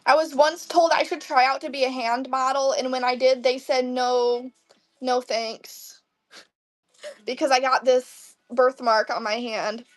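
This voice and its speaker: A woman in her twenties from the Midwest USA runs a casual live selling stream, answering viewers' comments in a high-pitched, flat voice at a measured pace. Soft music plays in the background.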